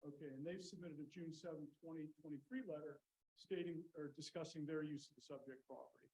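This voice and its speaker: Man, attorney type, slightly high voice, methodical leading questions; faint tape hiss. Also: steady tone, fairly quick, dark tone, low-quality recording. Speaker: attorney presenting a zoning case. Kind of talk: questioning witnesses at a public hearing.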